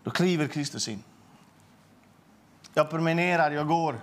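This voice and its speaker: A middle-aged man with a slightly raised pitch shares his faith testimony. He talks earnestly and with feeling, and he often stumbles over repeated words and starts his sentences again. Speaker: guest sharing a faith testimony. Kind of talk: personal religious testimony.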